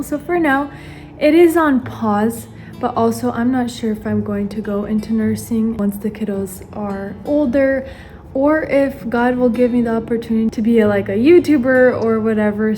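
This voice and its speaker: A young woman in her early twenties chats earnestly into the camera as she does her makeup, treating it as a mirror for a casual get-ready-with-me video. A stay-at-home mom, she was born in Ukraine and raised in the US. Her voice is on the high side and mellow.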